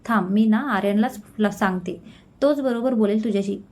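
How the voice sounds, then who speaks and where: A woman voicing a stubborn young woman who plays down her own troubles in a gentle, reassuring way. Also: mid-range voice, normal speed, close to an everyday voice.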